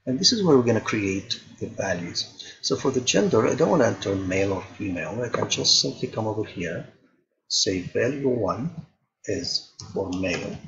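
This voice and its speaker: A man calmly explaining software settings step by step, thinking aloud as he goes, in a tutorial voice-over. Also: lowish voice, normal speed, vocal fry, muffled recording, crowd noise. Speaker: instructor.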